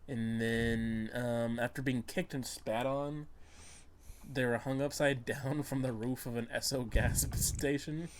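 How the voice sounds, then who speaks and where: A man's voice: medium pitch, steady tone, unhurried, slight background noise. A man co-hosting a podcast in casual chat, joking and rambling, often trailing off mid-thought. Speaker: podcast co-host.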